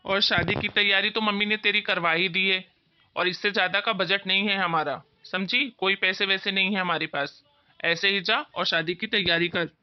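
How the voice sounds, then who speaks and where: Woman voicing a gruff young husband, dismissive, mid-pitched, dull lo-fi sound, cartoon story. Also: steady tone, normal speed, close to an everyday voice. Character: stubborn curt young husband.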